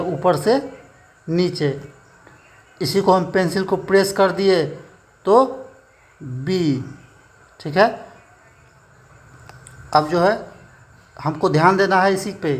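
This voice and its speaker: A man teaching a shorthand class, explaining slowly and checking in with "theek hai" after every point. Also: sits high. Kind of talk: classroom lesson.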